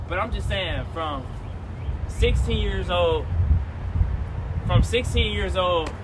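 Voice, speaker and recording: A high-voiced man in his twenties rambles through a loose, casual outdoor vlog, circling back to the same phrases again and again. He is recorded on a phone, with cars and city noise rumbling clearly behind him. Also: expressive, slow. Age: 20s. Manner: rambling, repeats phrases, colloquial. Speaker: streamer. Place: outdoors near traffic.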